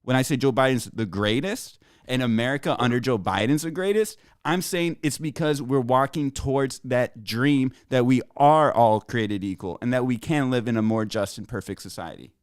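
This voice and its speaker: Podcast guy, smooth clean voice, half joking half serious, dry sound. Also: medium pitch, moderate pace, few pauses, no echo. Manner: earnest with joking asides. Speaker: podcast host. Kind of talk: casual discussion.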